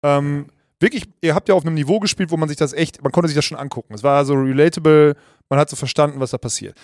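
Fast, blunt, slangy man. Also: a little high, a little mellow, no room sound, studio quality. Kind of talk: casual chat.

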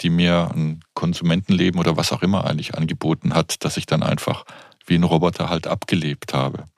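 A man's voice: sits low, gravelly, dry recording, clean studio sound. A man in his fifties hosting a podcast, talking reflectively and often searching for words with fillers. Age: 50s. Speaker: podcast host. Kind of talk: reflective conversation.

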